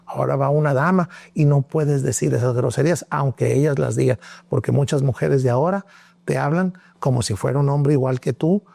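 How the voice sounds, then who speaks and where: A man's voice: mid-range voice, a little fast, gravelly, dark tone, no echo. A middle-aged Mexican man hosting a show, giving a blunt, opinionated monologue with emphatic repetition. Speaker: host.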